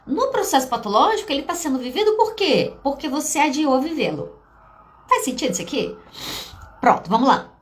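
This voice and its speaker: Brazilian woman, psychologist host, fairly high voice, candid storytelling talk. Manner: warm storytelling, voice catching with emotion at times. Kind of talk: emotional personal talk to an audience.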